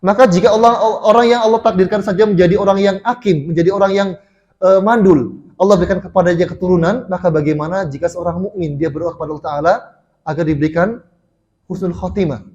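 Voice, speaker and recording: High-voiced Indonesian man preaching. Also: fast, darkish tone, highs cut off. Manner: storytelling, restarts and fillers, addresses congregation. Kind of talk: mosque sermon. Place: mosque.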